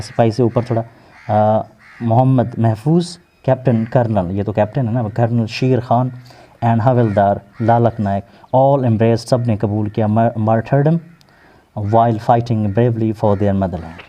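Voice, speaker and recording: A man with a Pakistani accent, working as an English teacher and explaining a textbook lesson slowly, word by word, repeating terms to drill pronunciation. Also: lowish voice, warm tone. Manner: slow word-by-word translating, repeats words for pronunciation.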